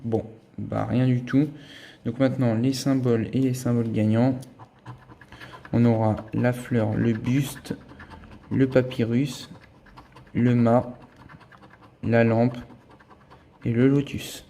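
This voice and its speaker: Gravelly man chatting through scratch cards. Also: medium pitch, level tone, slow, pauses often, dark tone. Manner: chatty, thinks aloud while checking symbols and letters. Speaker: scratch-card vlogger. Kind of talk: casual running commentary.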